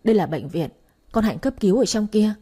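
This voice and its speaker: A woman voicing an agitated middle-aged mother-in-law who shouts reproaches at her husband. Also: mid-range voice, expressive, a little fast, husky. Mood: scolding.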